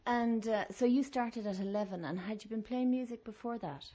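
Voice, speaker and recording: A woman's voice: on the high side, normal speed, dark tone. A woman with an Irish accent interviewing musicians informally, prompting them with short questions. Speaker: interviewer and host.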